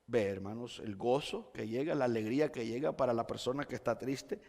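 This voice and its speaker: A man preaching a sermon, moving from quiet explanation to loud, impassioned exclamations. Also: mid-range voice, a little fast. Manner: impassioned, swings between quiet and shouting. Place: church sanctuary. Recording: church hall reverb.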